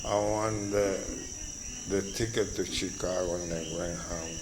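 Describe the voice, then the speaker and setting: A slow-speaking man in his eighties, a native Spanish speaker, tells stories from his past as an interviewee in a low, steady voice. He rambles and halts, filling gaps with fillers and little chuckles, while crickets make the recording noisy.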